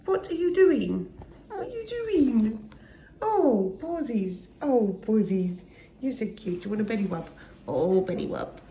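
A woman talks baby talk to her pet in a high, cooing voice. She sounds affectionate and middle-aged. The handheld phone recording is noisy. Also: very animated, a little slow, warm tone, echoey room.

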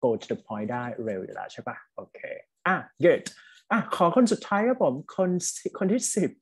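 Guy lecturer running an online class, mid-pitch voice, chatty, keeps cheering students on, flips between languages mid-sentence. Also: wildly swooping pitch, moderate pace, gravelly, husky. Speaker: university English lecturer. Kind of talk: online class teaching test English. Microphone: computer mic on an online video class.

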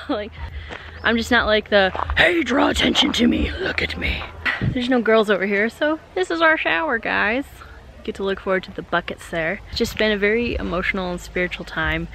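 A young woman vlogging outdoors at a wooded campsite with a handheld camera at arm's length, talking in a candid, chatty, self-deprecating way. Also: mid-range voice. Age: young adult. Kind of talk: casual vlog. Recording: outdoor camp noise, crowd behind.

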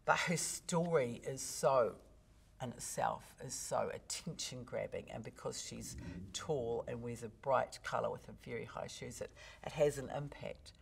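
With a little hiss or hum in the recording, a woman from New Zealand, a speaking coach, unhurriedly explains technique in a podcast interview. Her voice is creaky, and she acts out examples, showing pitch through large, expressive vocal swings.

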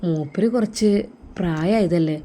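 A woman's voice: lowish voice, a little slow, dark tone. A woman voicing a grown man who gossips in a mocking, offhand way.

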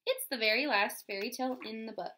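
A woman's voice: a little high, quick pace, very noisy. A woman teacher reading a fairy tale aloud to young children, stopping to explain words and ask the class questions. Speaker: first-grade teacher.

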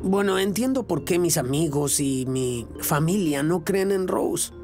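A voice actor with a Latin American Spanish accent dubs a lovestruck middle-aged man in a reality show, covering both conversation and confessional segments over background music. The delivery is uneasy and earnest, a little slow, with fairly high pitch and lively intonation.

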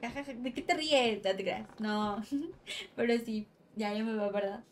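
High-voiced Mexican woman streaming a horror game. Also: unhurried, a little hiss or hum. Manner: jumpy, nervous, chatting with viewers. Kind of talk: live gameplay commentary.

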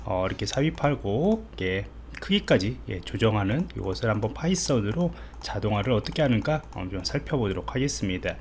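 With a lowish voice, this lively male coding instructor moves briskly, hardly pausing, as he explains informally and thinks aloud while typing. The step-by-step tutorial is an indoor voice-over on a screen recording, and it's noisy, with clearly audible background noise.

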